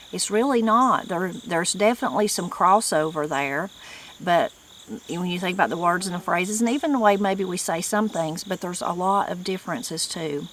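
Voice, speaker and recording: A middle-aged woman with a strong Appalachian accent from the mountains of western North Carolina speaks in a fairly low voice. She talks informally to her viewers in a folksy way, using regional turns of phrase. Insects chirp in the noticeable background noise. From western North Carolina, United States. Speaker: online channel host and presenter. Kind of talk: informal talk to camera.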